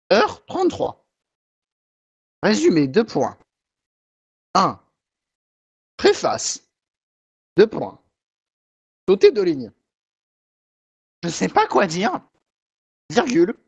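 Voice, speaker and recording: Man putting on a half-robot voice, mechanical dictation, reads punctuation aloud, slow, husky. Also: high voice, lo-fi sound, exaggerated voice. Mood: deadpan. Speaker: YouTuber. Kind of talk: comic mock-dictation reading.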